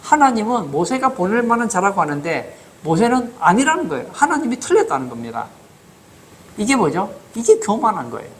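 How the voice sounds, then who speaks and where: A man's voice: high-pitched, sing-song, a little fast, a little hiss or hum. A man preaching a sermon as pastor in a church, asking the congregation rhetorical questions.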